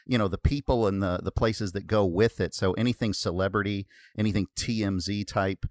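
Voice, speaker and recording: Low-voiced American man, dry recording. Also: fairly even intonation, a little fast, no echo. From United States. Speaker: podcast co-host. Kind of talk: casual roundtable chat.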